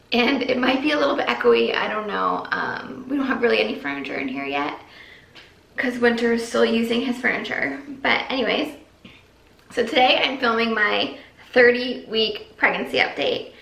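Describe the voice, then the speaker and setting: A woman's voice: a little high, normal speed, vocal fry, fairly bright tone. Breathless chatty pregnant woman, echoey room. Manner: chatty, rambling, many likes. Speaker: vlogger. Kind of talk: casual pregnancy update vlog. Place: empty nursery room at home, echoey.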